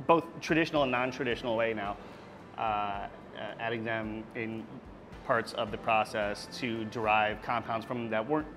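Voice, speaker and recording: A man's voice: mid-range voice, fairly bright tone. A man in his thirties, a brewer, talking casually and technically about brewing, with plenty of fillers. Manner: talkative, technical, many fillers. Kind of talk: casual on-camera explanation. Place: brewery floor and taproom. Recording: clear background noise.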